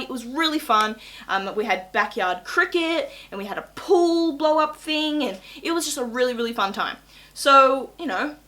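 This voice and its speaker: A nineteen-year-old Australian woman telling a casual storytime to camera in a chatty, gossipy, excitable way with dramatic emphasis. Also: a little high. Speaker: YouTube vlogger.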